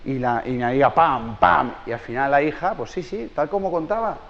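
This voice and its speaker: A man's voice: on the high side, fairly quick, creaky. A man with a Spain Spanish accent giving a live conference talk, telling stories in a casual, colloquial way. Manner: colloquial, lively storytelling with asides. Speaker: speaker. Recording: dull sound in an echoing hall.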